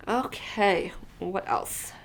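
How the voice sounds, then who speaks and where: A woman in her thirties vlogs unscripted to camera, rambling and thinking aloud with plenty of fillers, sometimes trailing off to a near whisper. Her voice is mid-range and she draws out her words.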